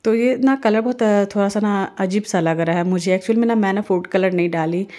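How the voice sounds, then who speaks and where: A middle-aged woman from India chats on in a loose, rambling voice-over while she cooks at home. Her pitch sits in an ordinary middle range, and she drifts from kitchen talk into earnest, faith-filled advice. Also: fairly quick. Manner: chatty, rambling, warm-hearted advice with religious phrases. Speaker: family vlogger and mother. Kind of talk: casual voice-over while cooking.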